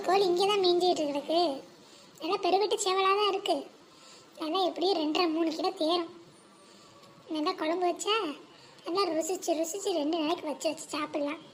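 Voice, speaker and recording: Cartoon village housewife acted by a woman: gossipy, crafty, extremely high voice, rural Tamil Nadu accent, faint ambient noise. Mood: scheming. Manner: colloquial, exclamatory.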